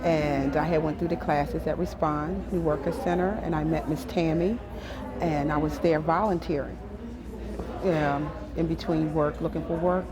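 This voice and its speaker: Woman, honoree, interview answer, very low voice, halting with fillers, loud crowd behind. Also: fairly even intonation. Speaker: program honoree.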